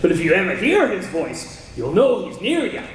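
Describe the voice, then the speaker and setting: Tense and scheming, a condemned male killer talks tough gangster slang, played by an actor in a 1930s radio drama. The voice sits high with huge pitch swings at a moderate pace. It comes through an echoey old radio recording from a distance, with slight background noise.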